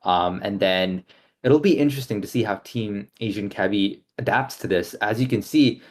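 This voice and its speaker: A young male caster talks through an esports match in a relaxed, unhurried way, pausing often on fillers. His voice sits on the low side. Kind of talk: casual esports analysis.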